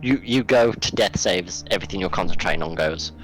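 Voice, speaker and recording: A man as game master giving brisk rulings with frequent restarts. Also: sits low, faint music behind, rough recording. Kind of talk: running a tabletop game over a call.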